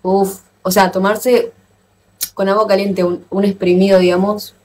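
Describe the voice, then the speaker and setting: A woman with an Argentine accent chatting casually with viewers on a live stream, playful and quick to exclaim and laugh. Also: medium pitch, little pitch movement, dark tone, a little hiss or hum. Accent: Argentine Spanish. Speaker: livestreamer.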